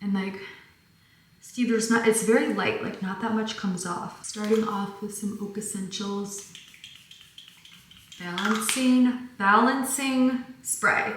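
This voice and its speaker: A woman's voice: medium pitch, fairly even intonation, unhurried, noisy background. Chatty young woman in an echoey room. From Michigan. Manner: chatty, rambling, heavy use of "like". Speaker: beauty vlogger. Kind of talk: casual get-ready-with-me chat.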